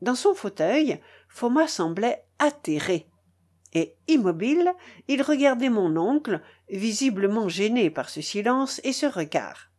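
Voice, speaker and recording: Female audiobook narrator, expressive literary reading, lively intonation. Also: a little high, a little slow, breathy edge. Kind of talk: scripted narration.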